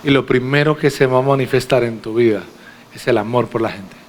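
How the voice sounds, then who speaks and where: A man's voice: mid-range voice, a little fast, a little hiss or hum. A man preaching a sermon to his congregation in a church, emphatic, with rhetorical questions and direct address. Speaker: pastor.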